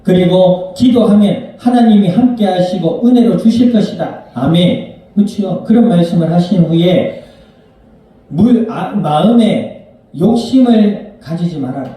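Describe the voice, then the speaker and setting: Male pastor, a bit high-pitched, mellow tone. Chatty sermon style, asks the room questions. Far-off mic in a very reverberant church. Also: lively intonation, measured pace. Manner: conversational preaching, asking the congregation questions and acting out little scenes. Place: church sanctuary. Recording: very echoey church hall, mic at a distance.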